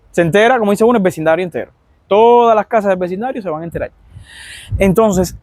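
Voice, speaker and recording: A man's voice: high-pitched, a little mellow, dry recording. A man with a Cuban accent, a doctor from Cuba, telling stories in a casual vlog and acting out his patients' complaints.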